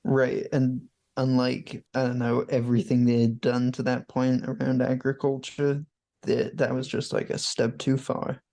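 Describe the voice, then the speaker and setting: A man's voice: mid-range voice, completely flat delivery, a little slow, vocal fry, warm tone. A man co-hosting a podcast, making dry sarcastic remarks in casual chat. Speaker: podcast co-host.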